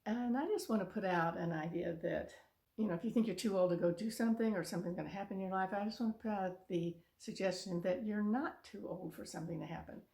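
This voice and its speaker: A woman's voice: medium pitch, fast talker, gravelly, mellow, roomy sound. A woman in her seventies giving casual, earnest encouragement to camera in a rambling, heartfelt way. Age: 70s. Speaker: vlogger. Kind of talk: casual motivational talk to camera.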